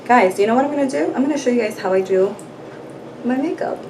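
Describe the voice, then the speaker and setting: Amid background noise, a fast-talking female vlogger with a fairly high, animated voice chats to viewers. She's scattered and filler-heavy, and the echoey room and far-off mic give the audio a distant feel.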